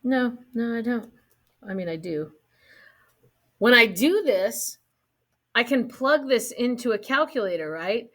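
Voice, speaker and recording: A woman teaches a math class in a relaxed lecture style, her slightly high, bright voice expressive but a little slow, with frequent pauses. She often checks in with a "right?" and drops playful asides to her students.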